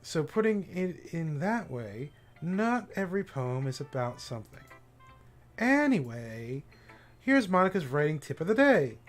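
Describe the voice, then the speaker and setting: A man livestreams a visual novel, casually commenting and reading the game's text aloud while its music plays behind him. His voice is a little high, sing-song and unhurried.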